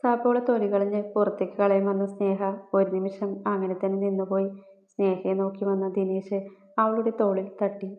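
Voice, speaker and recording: Woman narrator for a read-aloud story, flat even delivery, roomy dull recording. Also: mid-range voice, moderate pace.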